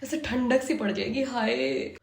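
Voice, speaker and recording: Young woman with a high voice ranting at a drama episode, echoey room, talks back to the screen. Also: measured pace, darkish tone. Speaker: drama reaction reviewer. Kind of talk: casual reaction commentary.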